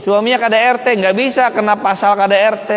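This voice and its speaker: Guy giving a joking talk to a crowd, high voice, lots of rhetorical questions, big echoey hall. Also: steady tone, quick pace. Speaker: speaker addressing an audience. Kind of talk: humorous public talk. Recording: long hall reverb.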